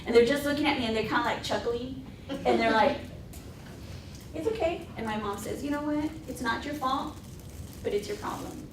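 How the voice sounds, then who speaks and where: A woman with a somewhat high voice speaks on a conference panel in a lively, storytelling way, slipping into the voices of the people she quotes. She sounds set back from the microphone. The room is echoey, with faint noise behind her. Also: fast talker. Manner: animated, acts out past dialogue in quotes. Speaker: new teacher panelist. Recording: echoey room, mic at a distance.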